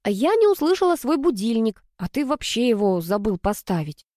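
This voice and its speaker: Woman doing a cheeky young sister, chatters fast and high, mellow voice. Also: animated, no echo, clean studio sound. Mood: excited. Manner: quick, chattering, mischievous. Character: lively twenty-year-old female student, teasing sister.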